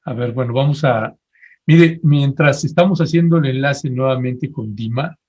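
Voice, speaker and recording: A man hosting a live interview broadcast, talking in a relaxed, conversational way with small restarts. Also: mid-range voice, normal speed, dull audio. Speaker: host.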